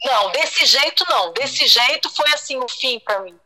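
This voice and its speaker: A woman's voice: high-pitched, animated, moderate pace, bright, forceful tone, low-quality recording. A middle-aged woman from Brazil telling a distressing personal story, with many restarts and repeated words. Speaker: guest telling her story.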